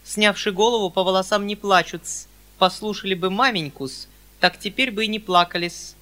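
Prim, prickly spinster, high and sharp, scolding primly, done by a male reader. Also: moderate pace. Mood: reproachful. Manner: prim, reproachful, adds servile "-s" endings. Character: prim prickly spinster companion, self-important.

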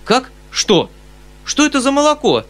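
A man voicing an excitable, kindly old colonel. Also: high-pitched, normal speed, voice pushed up. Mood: excited. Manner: loud exclamations, eager and fussy. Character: excitable kindly retired colonel, middle-aged, eager. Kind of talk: audiobook character reading.

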